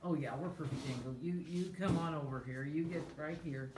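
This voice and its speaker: A woman's voice: low-pitched, brisk. A woman pastor co-hosting a casual cooking livestream, chatty and playful, half-singing nursery rhymes and leading a spoken prayer. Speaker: pastor and co-host. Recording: echoey room with faint background noise.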